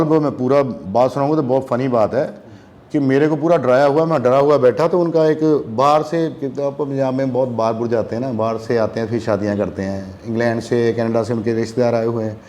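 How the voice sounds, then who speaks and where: A man's voice: medium pitch, brisk, slight background noise. A young man telling a long story in a casual chat, acting out the voices of the people in it. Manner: animated, acts out voices in quotes. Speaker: guest musician.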